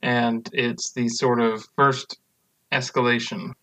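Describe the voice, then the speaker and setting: A man's voice: mid-range voice, level tone, slow, bright, forceful tone, rough recording. A man co-hosting a casual podcast, joking dryly and chuckling often. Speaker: podcast co-host.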